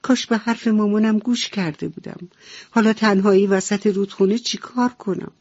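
A woman voicing a small, timid baby duckling in a small, high, worried voice. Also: fairly even intonation, darkish tone, no echo, natural voice. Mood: tearful. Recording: dull radio recording, faint music.

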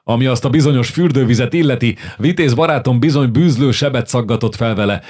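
A man voicing a big, hearty officer who roars with loud good humour in an audiobook. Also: medium pitch, slightly rough, voice pushed up, lightly acted. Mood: boisterous. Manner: roaring, jovial, loud. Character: boisterous hearty middle-aged army officer.

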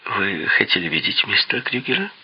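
A man's voice: on the low side, very animated, brisk, slightly rough, dull audio, pitched above the performer's own voice, full character voice. A man voicing a cool, aloof young woman secretary who answers coldly and tersely. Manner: cold, terse replies.

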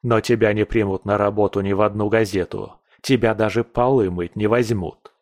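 A man's voice: on the low side, fairly even intonation, normal speed, darkish tone, no room sound, clean studio sound, lightly acted. A man voicing a stern aristocratic lord in an audiobook, curt and threatening. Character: stern, cold aristocratic male lord and newspaper owner. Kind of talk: audiobook character voice.

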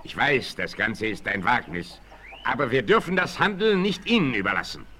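An actor playing a bold, commanding frontier hero in a 1960s German radio play, declaiming with resolve. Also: male voice, mid-range voice, very animated, normal speed, bright, forceful tone. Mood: calm, resolute. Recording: 1968 vinyl radio play, noisy.

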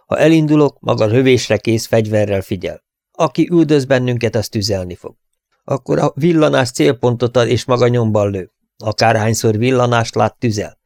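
A man's voice: mid-range voice, vocal fry, darkish tone, no echo, clean studio sound, natural voice. A man voicing a tough young cowboy hero who gives short, commanding orders. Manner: terse, commanding.

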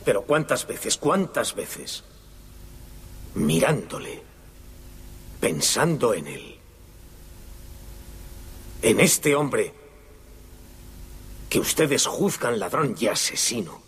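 Casting: a condemned anarchist, fiery courtroom speech, very expressive pitch, dubbed film. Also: male voice, very slow, pauses often, breathy edge, heavily acted. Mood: impassioned. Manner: solemn, impassioned courtroom oratory. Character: condemned Italian anarchist man, defiant, impassioned. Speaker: defendant giving a final statement in court.

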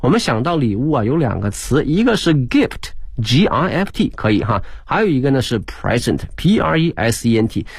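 A male teacher giving a radio English lesson. He explains words, spells them out letter by letter, and reads English slowly. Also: mid-range voice, big pitch swings, gravelly, breathy edge, dry recording. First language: Chinese. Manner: switches between explanation and slow English reading. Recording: dry studio broadcast.

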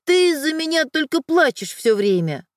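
Brief: woman doing emotional young daughter, high lively voice, tearful pleading, storybook. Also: normal speed, dry recording, clean studio sound. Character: hurt teenage daughter, emotional and clingy.

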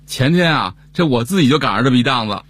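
A man playing the son in a scripted radio comedy dialogue, telling a lively story. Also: mid-range voice, fast. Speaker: son in a family comedy sketch.

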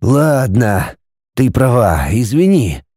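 A man's voice: medium pitch, sing-song, takes it slowly, mellow, breathy edge, no room sound, clean studio sound, exaggerated voice. A man doing a driven, stubborn scientist. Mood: persuasive, reassuring. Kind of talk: audiobook character reading.

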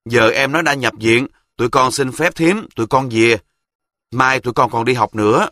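A man voicing a clever, bossy boy from the south who speaks quickly and confidently with a Southern Vietnamese accent. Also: medium pitch, sharp tone, no room sound, clean studio sound, close to an everyday voice. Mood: polite. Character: sharp, know-it-all southern boy, ringleader.

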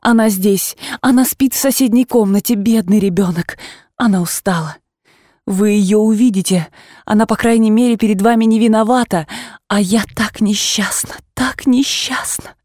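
A woman reader voicing a remorseful young wife who pleads slowly and tearfully with her husband, rising into high cries. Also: dark tone, no echo, clean studio sound, lightly acted. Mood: desperate. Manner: imploring, slow, breaking into high tearful cries.

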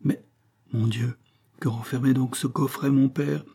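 A man's voice: fairly even intonation, unhurried, creaky, warm tone, slightly rough. A man voicing a pleading young farm daughter. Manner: pleading, raised pitch. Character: anxious young woman, farmer's daughter.

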